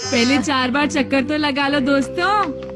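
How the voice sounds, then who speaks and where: A woman's voice: high voice, measured pace. A woman voicing Nobita, a lazy, sly young boy in a dubbed cartoon. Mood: teasing. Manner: whiny and cheeky. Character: lazy schoolboy, sly and whiny. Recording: cartoon dub with music behind.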